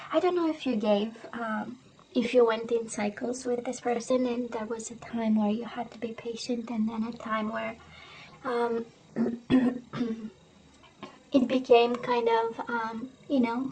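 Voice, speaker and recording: A woman doing a casual tarot love reading, hoarse as she loses her voice, often clearing her throat and tagging her sentences with "right?". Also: on the high side, a little mellow, slight background noise, rough recording. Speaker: tarot reader.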